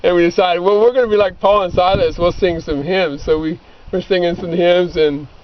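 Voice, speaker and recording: A middle-aged former missionary bookseller reminisces among friends from the back of a pickup by a creek, rambling from one anecdote to the next. His voice sits high, with fairly even intonation and a slightly fast pace. The outdoor amateur recording is muffled and lo-fi, with background noise.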